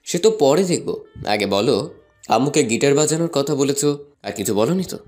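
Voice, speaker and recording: A man's voice: medium pitch, expressive, moderate pace, a little mellow, soft background music, lightly acted. A young man narrating a first-person love story and voicing a playful, teasing student in an audio drama. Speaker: narrator and lead voice actor.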